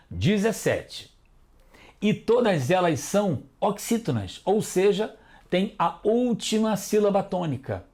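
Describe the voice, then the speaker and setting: A man with a Brazilian Portuguese accent teaching a televised children's lesson, calling out words slowly one at a time. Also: a little high, a little mellow. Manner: slow, deliberate, spelling words out one by one. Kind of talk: scripted classroom instruction for children.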